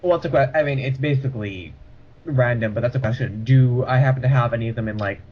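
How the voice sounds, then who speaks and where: A man at a tabletop game asks hesitant questions about the rules. His voice sits at an ordinary pitch. The audio is dull, with faint ambience behind it. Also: fast, slight background noise. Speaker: player. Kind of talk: casual tabletop play.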